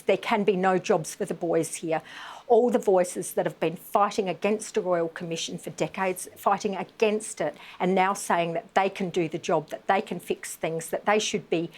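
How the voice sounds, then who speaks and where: Fairly low in pitch with a darkish tone, a middle-aged bereaved mother speaks up for veterans in a live television interview. Her delivery is passionate and emphatic, full of fillers.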